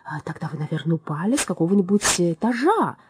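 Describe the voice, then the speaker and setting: A woman's voice: lowish voice, sing-song, quick pace, warm tone, slight background noise. A woman voicing a fretful, sympathetic turtle who mumbles anxiously.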